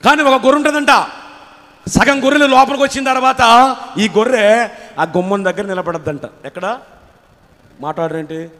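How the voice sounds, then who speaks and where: A man's voice: very high-pitched, normal speed, long pauses, fairly bright tone. A man preaching a sermon as pastor, firing rhetorical questions and calling on the congregation to repeat phrases after him. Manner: call-and-response preaching, asks congregation to repeat; rhetorical questions, rising intensity. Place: church hall. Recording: reverberant church hall.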